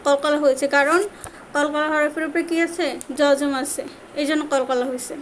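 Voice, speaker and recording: A woman's voice: high voice, fairly even intonation, slight background noise. A woman teaching Quran recitation in an online tajweed lesson, patiently repeating each sound and drawing out syllables for students to copy. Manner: drawn-out syllable-by-syllable recitation drills.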